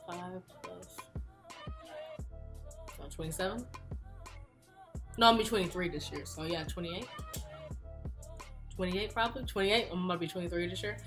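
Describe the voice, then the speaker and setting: A woman's voice: lowish voice, normal speed, pauses often, fairly bright tone, soft background music. A woman in her early twenties, chatting casually and playfully through a question-and-answer vlog. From Houston, Texas. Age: 20s. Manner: chatty, playful, laughs often. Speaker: YouTuber.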